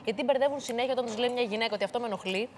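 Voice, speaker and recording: A woman's voice: a little high, a little hiss or hum. A woman on a reality show arguing heatedly, insistent and defensive, talking over others. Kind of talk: heated casual argument.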